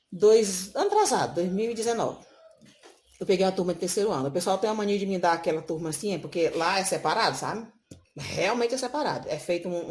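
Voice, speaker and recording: Expressive woman teacher. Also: mid-range voice, a little hiss or hum. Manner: expressive, tags sentences with "sabe?". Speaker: schoolteacher, interview guest. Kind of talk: casual interview storytelling.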